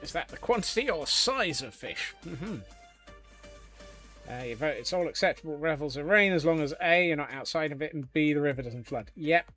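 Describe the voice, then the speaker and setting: On his live gaming stream, a man from Scotland jokes around with the audience and responds to questions from chat in a relaxed way. His voice sits a little high, with lively intonation, a moderate pace and a bright, forceful tone, and faint music plays behind him.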